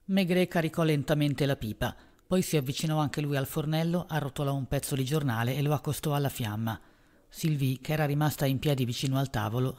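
A man narrating a novel as an audiobook in a measured, even reading voice. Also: a little high.

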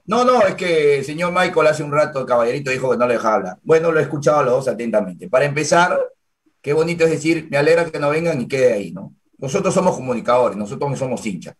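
Talking fast in a fairly high, expressive voice, a sports show host in his forties argues forcefully and claims the floor during a heated debate. He joins from a home room via video call, picked up by a webcam microphone.

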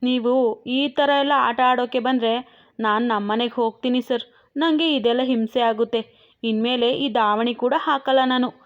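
A woman's voice: fairly high pitch, fairly even intonation, normal speed, lightly acted. A woman voicing a feisty young woman in a romantic audio story who scolds and calls names. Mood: pleading. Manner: scolding, name-calling, pleading. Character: feisty young village woman, sharp-tongued. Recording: dull lo-fi recording.

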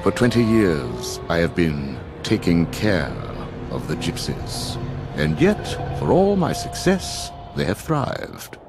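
An actor playing a cruel, stern old judge in a video game, condescending and menacing in a deliberate way. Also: male voice, sits low, very animated, music in the background, full character voice. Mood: cold, menacing. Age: older. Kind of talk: animated video game acting.

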